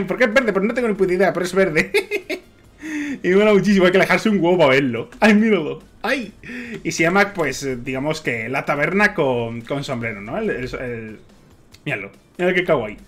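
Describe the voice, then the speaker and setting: Young man, excitable streamer, swears and laughs, faint music behind. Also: high voice. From Spain. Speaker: Minecraft streamer. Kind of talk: casual gameplay stream commentary.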